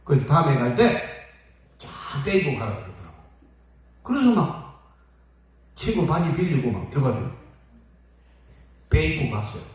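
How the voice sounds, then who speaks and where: A man's voice: a little high, sing-song, normal speed, long pauses. An older man preaching as a pastor, telling a folksy story and briefly acting out the people in it. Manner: folksy, acts out quoted people. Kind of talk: storytelling sermon. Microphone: phone camera at a distance. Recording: echoey hall, phone from far off.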